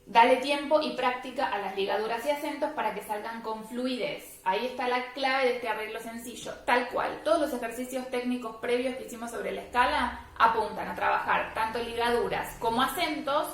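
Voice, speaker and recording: A woman's voice: on the high side, moderate pace, hardly any pauses. Patient woman teaching violin, echoey room. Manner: patient, explanatory, often checks in with "¿sí?". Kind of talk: step-by-step music lesson.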